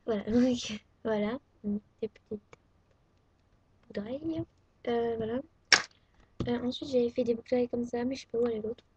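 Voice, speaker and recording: Speaking at a moderate pace with frequent pauses, a teenage girl from France holds up her crafts for a webcam indoors at home. Her pitch is fairly high and her tone steady, and her hesitant, chatty show-and-tell is full of fillers. Heavy background noise, including a faint vacuum, comes through the dull lo-fi audio.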